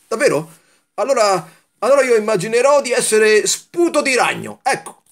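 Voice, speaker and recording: A man's voice: sits high, big pitch swings, normal speed, pitched above the performer's own voice. A man reading a children's storybook aloud, voicing a gloomy, complaining little male candy in a raised, strained voice. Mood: sulky. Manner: complaining, tearful and sulky.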